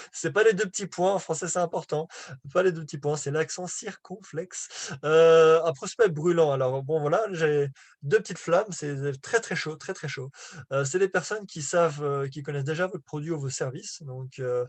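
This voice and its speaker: A business coach presenting slides gives a live online lesson in French, his voice fairly high with no echo. Full of fillers and restarts, he apologizes for his rusty French and laughs at himself.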